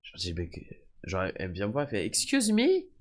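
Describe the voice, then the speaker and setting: Young french guy on a live stream, lowish voice, slangy and loose, chatting to chat. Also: animated, quick pace. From France. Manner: slangy, addresses viewers as "les gars" and "frère". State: often sick. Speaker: livestreamer. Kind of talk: casual storytelling chat.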